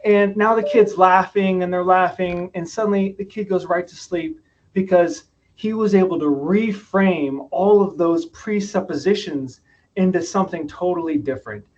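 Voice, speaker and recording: A man's voice: high-pitched, moderate pace, a little mellow, a little hiss or hum. Man with a dull, lo-fi sound. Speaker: podcast guest. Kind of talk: conversational storytelling.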